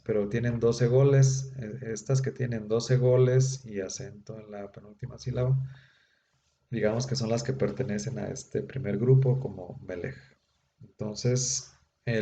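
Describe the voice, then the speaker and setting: Male Bible-institute teacher, low and mellow, patient explainer; echoey lo-fi classroom recording. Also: vocal fry. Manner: patient, explanatory, frequent "eh" and "este" fillers. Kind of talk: classroom grammar lecture. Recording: roomy echo, dull lo-fi sound, faint noise.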